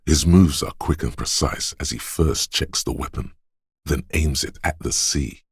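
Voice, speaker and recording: A male actor with a rumbling low, husky, gravelly voice narrates a video game's solemn inner voice of instinct and marksmanship. His delivery is measured, deliberate, dramatic and heavily acted, with a grave, urgent mood. The recording is dry and of studio quality.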